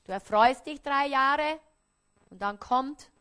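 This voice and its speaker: A woman with an Austrian accent, preaching a parable on stage before an audience, often dropping to a hushed, quiet voice. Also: high voice, takes it slowly. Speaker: stage speaker.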